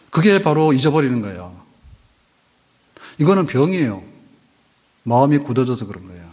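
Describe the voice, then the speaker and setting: A man's voice: medium pitch, darkish tone. A man preaching a sermon as a pastor, speaking in a conversational way, with everyday anecdotes and rhetorical questions. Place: church sanctuary. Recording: church hall reverb.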